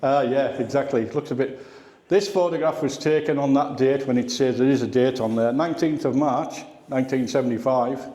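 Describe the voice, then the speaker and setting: In a reverberant indoor club meeting room, an older man speaks as a radio club's guest, walking through personal memories in an informal slide talk. He talks conversationally in a mellow, mid-range voice, and the recording is echoey.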